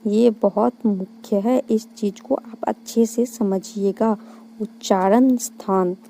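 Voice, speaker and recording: Mellow-voiced woman teaching grammar. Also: medium pitch, steady tone, takes it slowly, vocal fry, a little hiss or hum. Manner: explains step by step, answering her own questions. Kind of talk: online exam-prep lecture.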